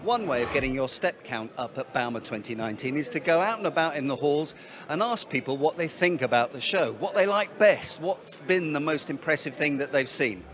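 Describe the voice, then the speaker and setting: A man's voice: on the high side, lively intonation, a little fast, a crowd in the background. A man giving a light, chatty field report from a trade show. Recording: dull audio with music behind.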